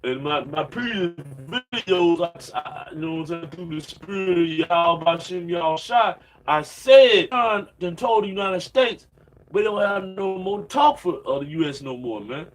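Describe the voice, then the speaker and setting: Here a religious preacher in his late thirties speaks with a high-pitched, expressive voice at a moderate pace, captured on a rough recording. He preaches informally and reads scripture, rambling in slang and tacking "man" and "you know what I'm saying" onto almost every sentence.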